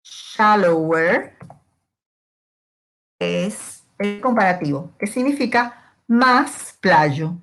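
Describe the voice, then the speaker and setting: Slow, patient woman teaching English grammar. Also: medium pitch, animated, fairly bright tone. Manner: patient, asks questions and answers them herself. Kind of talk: slow, step-by-step grammar lesson.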